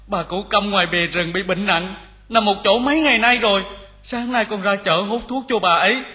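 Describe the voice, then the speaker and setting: An actor playing a poor, kind young farmhand who speaks timidly and politely. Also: male voice, high-pitched, brisk, pushed and bright.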